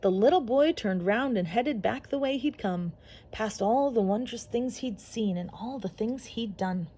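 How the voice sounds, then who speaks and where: A woman reading a rhyming picture book aloud for children, with a steady storytelling rhythm. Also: a little high, a little slow. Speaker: storybook reader.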